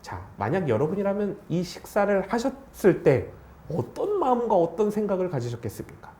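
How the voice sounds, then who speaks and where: A man preaching a sermon as pastor, animated, asking rhetorical questions of the congregation. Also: high-pitched, normal speed. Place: church sanctuary. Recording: echoey church hall.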